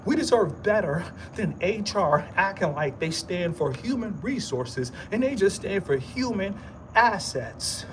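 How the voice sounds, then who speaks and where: A man delivers a rambling pep talk straight to the camera, hammering the same lines again and again in casual street slang. His voice swoops high and low, and a thin hiss of background noise runs beneath it. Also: expressive, measured pace. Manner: repetitive, emphatic, streetwise slang. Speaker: vlogger. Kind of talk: rambling motivational monologue.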